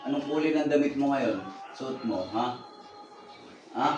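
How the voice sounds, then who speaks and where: A man's voice: mid-range voice, measured pace, a little mellow, lo-fi sound, soft background music. A man working as a faith healer, commanding and repeating short questions and chanting incantations during a rite. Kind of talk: interrogating a spirit during a healing rite. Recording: echoey, distant, noisy room recording.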